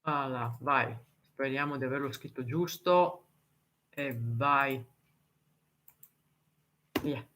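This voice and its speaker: Slow-talking Italian woman chatting with live viewers. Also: very deep voice, a bit bright, slight background noise. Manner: chatty, laughs often, reads and answers comments; deliberately slow, careful speech for foreign viewers. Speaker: live streamer. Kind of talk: casual live-stream chat with viewers.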